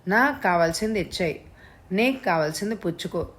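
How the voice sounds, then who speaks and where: Woman voicing a hoarse, scornful male kidnapper. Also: mid-range voice, expressive, a bit bright, lightly acted. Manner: cool, scornful, unhurried.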